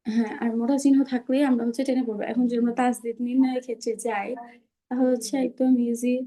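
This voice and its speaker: A woman's voice: a little high, level tone, fast talker, mellow. A woman teaching Quran recitation in an online class. She explains patiently and keeps checking that her students understand.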